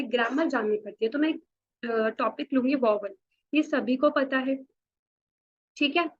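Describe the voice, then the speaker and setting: A woman teacher with an Indian accent giving a beginners' spoken English lecture in a classroom, explaining slowly and repeating words back to the class. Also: sits high, highs cut off. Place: classroom with a blackboard.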